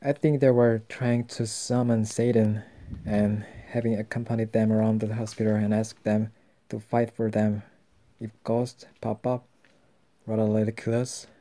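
A man exploring a dark abandoned hospital, giving casual commentary with wry, muttered asides into a handheld camera. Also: lowish voice, little pitch movement, normal speed. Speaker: urban explorer.

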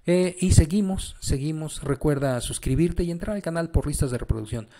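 A man's voice: on the high side, normal speed, dark tone. A man with a Mexican Spanish accent teaches an English grammar lesson. He keeps asking the learner questions and then answers them himself.

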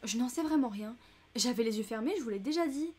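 Woman reader playing a chatty, indignant older American lady, mellow and fairly high. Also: expressive, fast. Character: talkative, fussy, easily upset older American lady. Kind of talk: audiobook character reading.

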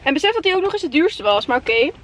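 A woman in her twenties with a Netherlands Dutch accent, chatting casually and excitably to camera with English slang mixed in. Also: high-pitched, very fast. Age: 20s. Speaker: vlogger. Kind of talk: casual vlog chat. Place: inside a parked car at night. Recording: faint background noise in car.

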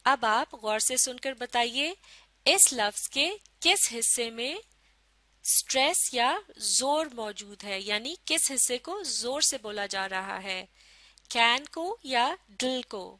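Female teacher, children's phonics lesson, very slow and patient, crisp bright tone, dry close mic. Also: fairly high pitch, lively intonation, no echo. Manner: slow, patient, spells letters out and praises pupils. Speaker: English teacher.

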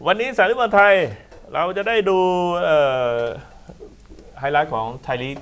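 A man's voice: high-pitched, very animated, normal speed, a bit bright. A man hosting a football talk show in a studio, lecturing with emphatic, rambling asides.

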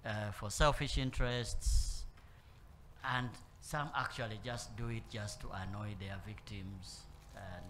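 A man speaking on a conference panel about boardroom risk, in a measured way, often repeating words and pausing with fillers. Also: lowish voice, steady tone, fairly bright tone, slight background noise. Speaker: panel speaker on corporate governance. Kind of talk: spoken panel talk. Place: conference room with live and online audience.

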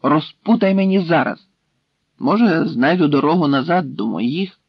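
A man's voice: a little high, lively intonation, moderate pace, slightly rough, no room sound, pitched above the performer's own voice. A man doing a young defiant Tatar captive. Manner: defiant, insistent. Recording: dry, slightly dull recording.

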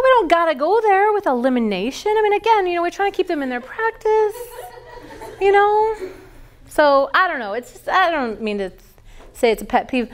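A middle-aged woman with a high, bright voice leads yoga teacher trainees in a lively way, quizzing the group and answering her own questions. A camera far across the large wooden studio records her.

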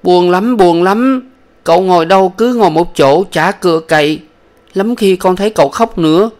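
A man's voice: high voice, normal speed, darkish tone, pitched above the performer's own voice, close to an everyday voice. A man voicing an earnest, talkative young boy in a storybook reading. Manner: eager, pleading, childlike.

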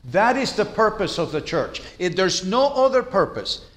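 A man's voice: high voice, very animated, moderate pace, a bit bright. Middle-aged male priest, earnest sermon, recorded from afar in a reverberant church. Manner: earnest, preaching with hand gestures. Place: church sanctuary. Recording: echoey church hall from far off.

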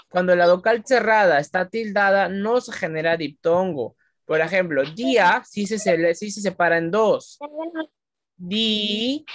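A woman teaching a class of young children, patiently explaining rules step by step and stretching words out slowly while she quizzes her pupils. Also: medium pitch, dry recording. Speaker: primary school teacher.

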